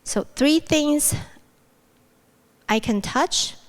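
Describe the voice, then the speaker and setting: Speaking into a podium mic at a university event room, with an air-conditioning fan running loudly, a native Mandarin speaker leads a plenary grounding exercise in mindfulness. Her pitch sits high. She takes her time and keeps things soft, often restarting and using many fillers.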